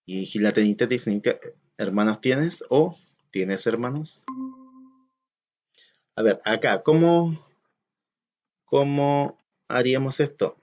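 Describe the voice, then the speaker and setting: A man gives a recorded school lesson at a middle pitch, patient and methodical. He counts aloud and poses questions to his students as he explains each step. The recording has a dull, lo-fi quality. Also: slow pace, pauses often, a little mellow. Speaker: teacher. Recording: dull lo-fi sound.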